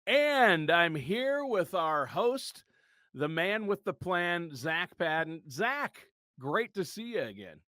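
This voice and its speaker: A man's voice: high-pitched, sing-song, takes it slowly, sharp tone, no room sound, clean studio sound. Chatty, joking middle-aged male podcast co-host. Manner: chatty, joking, laughs often. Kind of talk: casual podcast chat.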